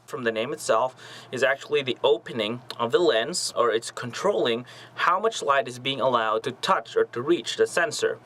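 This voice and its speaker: A young man with a mid-range, slightly bright voice hosts a casual photography tutorial from a small home studio with lights, explaining camera settings. He's friendly and often checks in with the viewer by asking "okay?" The recording quality is low.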